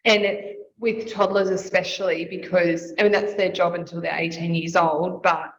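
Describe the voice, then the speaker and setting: A woman, a sleep consultant, explains children's sleep in an interview. Her voice sits low with a gravelly fry, and she lays out her points in tidy lists. The recording is slightly dull, with a faint hiss underneath. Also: little pitch movement, moderate pace. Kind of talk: expert explaining in casual interview.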